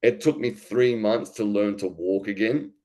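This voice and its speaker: A man's voice: fairly low pitch, steady tone, a little slow, a little mellow. A man in his thirties telling his own story in a candid, informal way with lots of fillers and restarts. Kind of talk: casual conversational storytelling.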